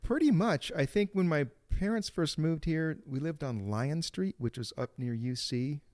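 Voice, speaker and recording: A man in his fifties, born in Greece and raised in Cincinnati, tells his life story as a podcast guest in a casual interview. His voice is a little high and darkish at a normal speed, and he rambles with many restarts.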